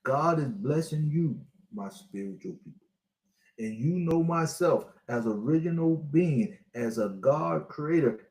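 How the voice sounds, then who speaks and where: A man's voice: mid-range voice, a little mellow, echoey room. A man in his sixties giving a preachy, repetitive motivational talk to his online viewers as a spiritual life coach. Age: 60s.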